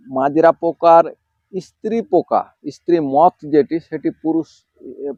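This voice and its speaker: A man, an agricultural extension officer from Bangladesh, explaining farming in a measured way, outdoors in a rice field. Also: on the high side, a little mellow, dry recording, lo-fi sound. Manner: measured explanatory talk with fillers.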